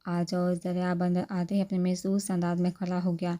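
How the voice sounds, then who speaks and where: A woman's voice: on the low side, completely flat delivery, dark tone. A woman narrator steadily reading a romance novel aloud.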